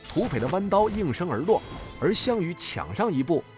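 A man's voice: sits high, very animated, moderate pace, over music. A man narrating a martial story dramatically, rising in the action scenes.

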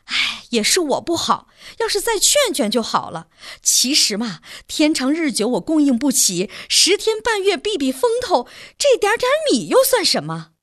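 A kindly young wife coaxing and soothing someone in a soft, lilting way , as read by a woman storyteller. Her pitch bobs up and down with animated turns. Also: moderate pace, hardly any pauses, no room sound, clean studio sound, exaggerated voice.

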